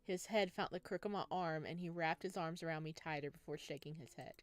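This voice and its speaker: A woman's voice: deep voice, fairly quick. A woman let's player reading visual novel narration aloud and breaking off into casual commentary. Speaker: let's play streamer. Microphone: wearing headphones.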